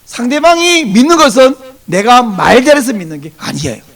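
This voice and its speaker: Animated gravelly-voiced male pastor preaching. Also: very high voice, moderate pace. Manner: animated storytelling, acts out dialogue in varied voices. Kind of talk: Sunday sermon.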